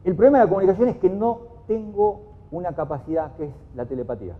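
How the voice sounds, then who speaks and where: A man with an Argentine Spanish accent giving a lively conference talk, jumping to loud, raised voices when he quotes people. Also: high voice, quick pace. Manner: animated, jumps to shouts when quoting people. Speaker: conference speaker. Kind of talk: lively lecture with acted quotes. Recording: echoey hall on a thin, phone-like sound.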